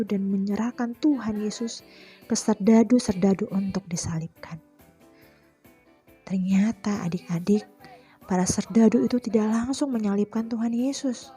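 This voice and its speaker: A woman's voice: a little high, warm tone. A woman teaching a Sunday school class, telling a Bible story expressively and talking directly to the children.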